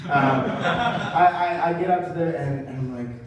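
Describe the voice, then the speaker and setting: A man's voice: on the high side, normal speed, background noise. A young man from Ohio doing a self-deprecating stand-up set, full of fillers and acted-out quotes, in a comedy club. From Ohio, USA. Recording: distant, very echoey club recording with audience.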